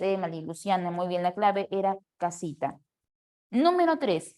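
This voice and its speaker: In a classroom lecture, a woman with a mid-range, darkish voice explains things step by step, often checking that her students are following.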